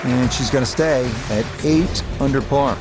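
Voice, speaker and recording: A man acting as a golf commentator, calling play in a measured, polished broadcast delivery. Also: medium pitch, over music, crowd noise, natural voice, poor audio. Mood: measured, encouraging. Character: male TV golf play-by-play announcer.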